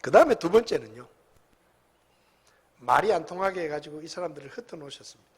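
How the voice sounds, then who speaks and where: A male pastor delivers a Sunday sermon in a high, bright-toned voice. He speaks in a conversational way, swinging from loud bursts to quiet asides. His words carry a long reverb through the church sanctuary. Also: quick pace, breathy edge. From South Korea. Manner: conversational preaching with lively swings in loudness.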